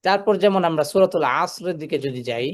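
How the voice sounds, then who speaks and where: A man giving a Quran recitation lesson in a voice pitched a little above the usual male range. He moves through each rule step by step, asking a question and then answering it himself. He slows right down whenever he recites an example verse. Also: lively intonation.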